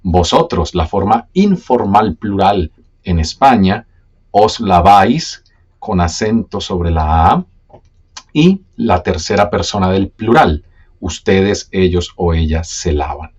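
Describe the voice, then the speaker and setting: A man teaching a slow grammar lesson step by step, patient and repeating key words as he checks in with the learner. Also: deep voice, a little mellow, breathy edge, dull audio. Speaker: Spanish teacher.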